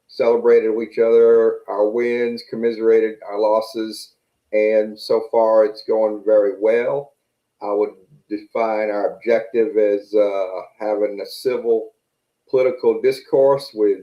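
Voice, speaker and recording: A man's voice: lowish voice, reverberant, highs cut off. Polite, formal man on a video call. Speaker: guest, podcast host. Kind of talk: guest self-introduction.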